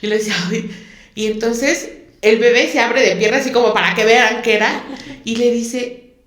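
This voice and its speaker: A woman's voice: on the high side, steady tone, moderate pace, fairly bright tone. A woman, a guest telling a personal story in an interview, emotional and repeating words for emphasis. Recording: echoey room.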